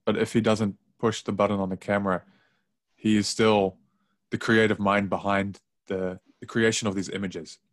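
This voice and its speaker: A man's voice: fairly low pitch, little pitch movement, moderate pace. Hedging man thinking aloud in chat. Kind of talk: casual chat over a video call.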